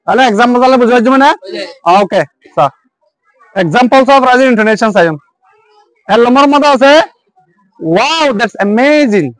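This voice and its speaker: High-voiced man teaching English intonation. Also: moderate pace, long pauses, no room sound. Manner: mixes English phrases with regional Bengali, drills students in call-and-response. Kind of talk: classroom lesson.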